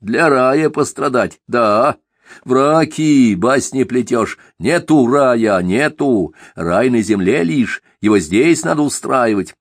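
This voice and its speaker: A man's voice: mid-range voice, big pitch swings, a little slow, husky, no room sound, clean studio sound, voice pushed up. A man voicing a ranting old man who calls himself god, fiery and scornful, in an audiobook.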